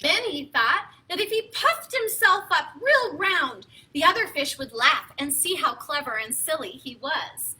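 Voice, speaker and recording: A woman hosting storytime reads aloud for young children in an extremely high, very bright voice. She takes her time with slow phrasing, and her delivery is theatrical and playful, with exaggerated expression and lively intonation.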